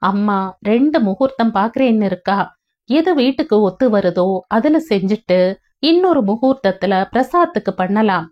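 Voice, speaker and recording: A woman's voice: medium pitch, lively intonation, normal speed, lo-fi sound, close to an everyday voice. Soothing young husband in an audio novel, patient and explaining, read by a woman narrator. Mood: reassuring. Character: gentle reassuring young husband.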